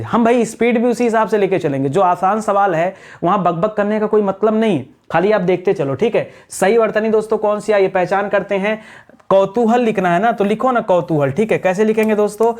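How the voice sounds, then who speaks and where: A man's voice: high-pitched, a little mellow. Male tutor, lecture delivery, quizzes his students with constant rhetorical questions. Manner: drills answers with repeated rhetorical questions. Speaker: Hindi grammar teacher. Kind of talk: exam revision lecture.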